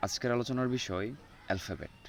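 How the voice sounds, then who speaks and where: A man teaching an English pronunciation lesson, going slowly through the alphabet letter by letter. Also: fairly low pitch, slight background noise. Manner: slow, spells out letters one by one. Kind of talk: spoken language lesson.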